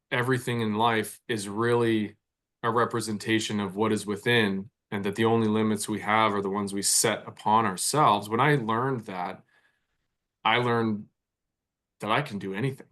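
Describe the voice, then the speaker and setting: A fairly low-pitched, somewhat bright male voice belongs to a Canadian mindset coach in his forties. Guesting on a conversational podcast interview, he talks reflectively and keeps repeating words as he thinks.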